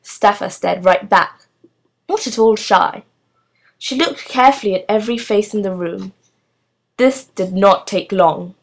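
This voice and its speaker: Woman, mid-pitch, steady storybook reader for a children's novel. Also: a little slow, vocal fry, pauses often. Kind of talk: reading a children's novel aloud.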